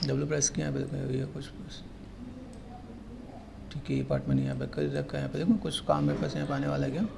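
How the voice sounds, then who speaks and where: A man giving a casual, repetitive software tutorial, pointing things out step by step. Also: medium pitch, flat delivery, quick pace, gravelly, noisy background. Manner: repetitive, keeps saying "here" and "okay". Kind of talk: casual screen-recorded tutorial.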